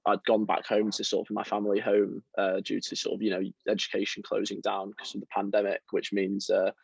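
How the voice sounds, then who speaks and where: A young man from around Liverpool, chatting as a football writer guest in a relaxed, self-deprecating way with lots of fillers. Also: on the low side, fairly quick, creaky, slightly rough, no room sound. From England, around Liverpool. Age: young adult. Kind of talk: casual interview chat.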